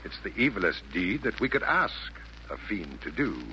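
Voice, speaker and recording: A grandiose male fiend, theatrical and coaxing, with a bright forceful voice that swings widely. He speaks in rhyme as in 1940s radio comedy, over faint recording noise. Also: lowish voice, very animated, moderate pace, full character voice, low-quality recording. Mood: pompous.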